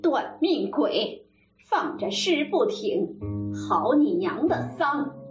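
A woman storyteller voicing a coarse, grumbling old nursemaid who mutters curses slowly. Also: sits high, sing-song, roomy sound, far from the mic, full character voice. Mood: cursing. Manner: slow muttered cursing. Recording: dull lo-fi sound with faint music.

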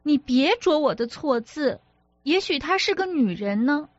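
A woman's voice: high voice, big pitch swings, measured pace, no room sound, lo-fi sound, pitched above the performer's own voice. A woman reader voicing a petulant, jealous young wife who talks in a reproachful, sulky way, as an audiobook character. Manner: reproachful, sulky, sharp-tongued.

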